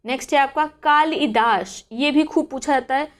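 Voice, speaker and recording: A woman's voice: sits high, normal speed. Woman drilling Hindi spellings aloud. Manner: repeats questions and drills words aloud. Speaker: Hindi exam-prep teacher. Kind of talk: spelling lesson for exam students.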